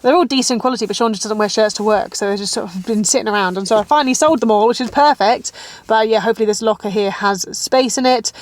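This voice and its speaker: In a casual vlog, a woman with two kids chats her way through the day, leaning heavily on the filler "like." She talks at a quick pace in a fairly high voice.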